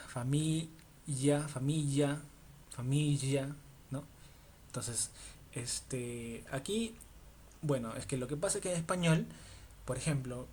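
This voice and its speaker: A man's voice: medium pitch, darkish tone, a little hiss or hum. Patient male language teacher. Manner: patient, repeats words slowly, asks ¿ok? often. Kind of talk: online language lesson.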